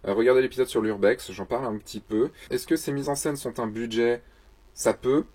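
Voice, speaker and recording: A man's voice: mid-range voice, fairly even intonation, a little fast, darkish tone, breathy edge. A man, a photographer and the show's host, answers viewer questions in a casual vlog, joking and mocking himself in a loose, chatty way.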